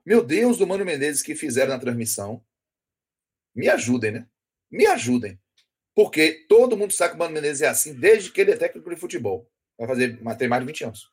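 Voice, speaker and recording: A man's voice: mid-range voice, husky. A man giving an opinionated football analysis on a talk show, often hedging with fillers. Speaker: sports commentator.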